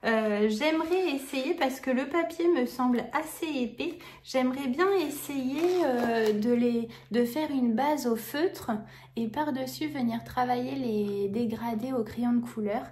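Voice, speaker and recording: A woman's voice: high-pitched, measured pace, darkish tone, a little hiss or hum. A woman vlogging casually to camera, gushing and hesitant, restarting her sentences with many fillers. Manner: enthusiastic, gushing.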